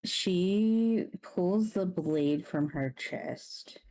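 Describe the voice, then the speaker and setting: A woman playing a tabletop role-playing game, describing her character's actions in a relaxed way with many fillers. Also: fairly low pitch, very slow, low-quality recording. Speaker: player. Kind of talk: casual tabletop role-play.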